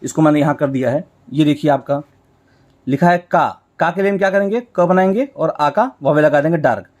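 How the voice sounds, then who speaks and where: A man's voice: fairly high pitch, a little mellow. Man teaching, repeating each step. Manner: explains slowly, repeating each stroke; asks and answers his own questions. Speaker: shorthand teacher. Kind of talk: step-by-step whiteboard lesson.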